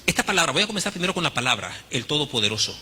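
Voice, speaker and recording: A man's voice: a little high, big pitch swings, racing, sharp tone, breathy edge, long reverb tail. A man with a Honduran Spanish accent preaching a sermon, teaching his congregation and calling them brothers. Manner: teaching, addresses congregation as brothers, dramatic quoted voices. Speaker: pastor.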